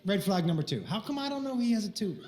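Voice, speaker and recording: A man's voice: sits high, fast talker, reverberant, a little hiss or hum. A man doing stand-up, telling a crude prank story and acting out the other voices. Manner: animated, acts out voices and crude jokes. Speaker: stand-up comedian.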